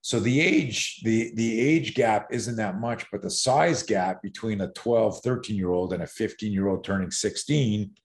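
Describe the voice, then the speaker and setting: A man's voice: lowish voice, measured pace, hardly any pauses. A middle-aged man telling a story as a podcast guest, acting out voices and sounds and laughing often. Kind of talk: animated storytelling in a podcast interview.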